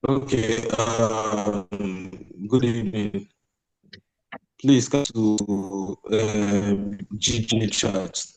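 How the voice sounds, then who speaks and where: A man calling in to a live online class, his voice breaking up over a weak network connection, words halting, dragged out and cut off. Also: on the low side, creaky, a little mellow. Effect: call breaking up over a weak network connection. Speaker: caller asking a question. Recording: distant, broken-up online call audio.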